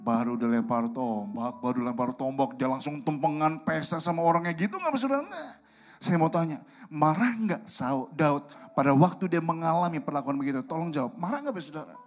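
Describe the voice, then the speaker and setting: A man's voice: a little high, big pitch swings, brisk. A male pastor preaching a sermon in a church service, telling a story and asking his congregation questions.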